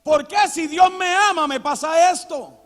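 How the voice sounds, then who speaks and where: High-voiced pastor preaching. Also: male voice, normal speed. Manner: preaching with sudden loud dramatic outbursts. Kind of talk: sermon. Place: church sanctuary. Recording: long church hall reverb.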